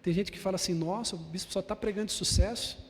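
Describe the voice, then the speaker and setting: High-voiced emphatic preaching man. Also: fast talker, in a large hall, slight background noise. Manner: emphatic repetition, addressing congregation as irmão. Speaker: bishop preaching. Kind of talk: sermon. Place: large church hall.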